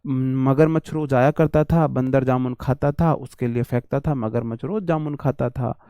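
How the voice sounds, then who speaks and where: A man's voice: medium pitch, steady tone, moderate pace, warm tone, smooth, dry recording, clean studio sound. A man from India teaching English idioms in a casual, chatty lesson, calling students brother and repeating himself. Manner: chatty, addresses students as bhai and ji, repeats phrases. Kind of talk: casual Hindi vocabulary lesson.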